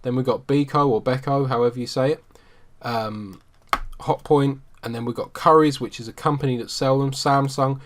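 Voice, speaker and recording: A man from the UK, teaching a screen-share marketing tutorial in a relaxed, conversational way with frequent ums. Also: medium pitch, normal speed, a little hiss or hum. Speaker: SEO marketing instructor.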